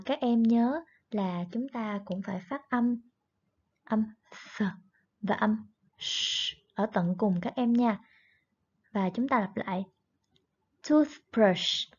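A woman teacher leads a children's online English lesson, patiently repeating each word twice and coaxing her pupils along. Her voice sits fairly high and unhurried, on a dull lo-fi recording. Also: a little mellow. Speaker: primary school English teacher. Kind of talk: online lesson, explaining and drilling words.

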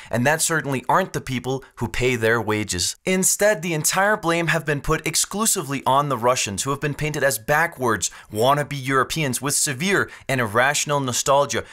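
A man's voice: mid-range voice, a bit bright. A man narrating a scripted video in a sarcastic, mocking way. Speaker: video creator.

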